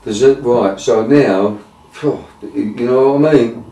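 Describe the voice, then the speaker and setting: A man, talking bluntly and haltingly in a casual interview, swearing freely. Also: mid-range voice, dark tone. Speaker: interviewer and campaigner. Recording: roomy, distant mic, faint noise.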